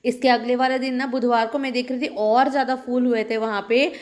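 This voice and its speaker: A woman's voice: fairly high pitch, fairly even intonation, brisk. A young woman with an Indian accent, chatting casually in a home vlog and mixing English phrases into her talk. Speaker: vlogger and mother.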